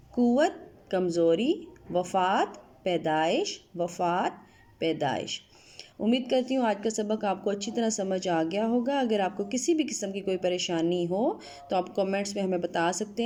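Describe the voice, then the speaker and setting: A woman teacher from Pakistan giving an online Urdu lesson to students, drawing out each word slowly as she spells it. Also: mid-range voice, warm tone, a little hiss or hum. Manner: slow, drawn-out spelling of words. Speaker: school teacher.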